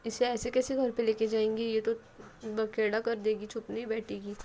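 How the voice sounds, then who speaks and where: A woman's voice: fairly high pitch, little pitch movement, normal speed, dark tone, a little hiss or hum, natural voice. Woman doing a practical young woman friend.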